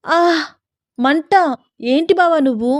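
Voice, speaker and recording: A woman's voice: high-pitched, slow, no echo, clean studio sound, voice pushed up. A woman voicing a shy, nervous young newlywed wife who sounds coy and pleading.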